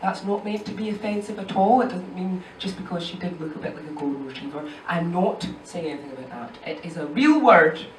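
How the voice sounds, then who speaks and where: A young Scottish woman does a stand-up comedy set on a club stage, heard from a distance in a roomy space with a bit of hiss or hum. Her lowish voice is expressive and fairly quick with few pauses, and her chatty asides are full of "you know" and "right?" tags.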